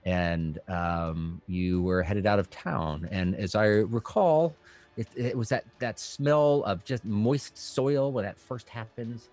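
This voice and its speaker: Brief: lower-voiced male game master, hesitant fantasy narration, faint music behind. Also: darkish tone. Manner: halting, many ums and restarts.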